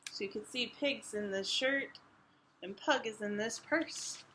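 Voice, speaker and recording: As a children's library story-time reader, a woman reads picture books aloud to toddlers with simple, emphatic, sing-song phrasing in an animated read-aloud. Her mid-range voice is unhurried, with background noise present.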